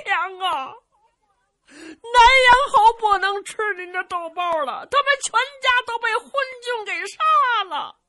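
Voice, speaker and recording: A woman voicing a hot-headed young peasant man who shouts and sobs in an excitable, rash way. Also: very high-pitched, fairly quick, voice pushed up, exaggerated voice. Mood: crying shouting.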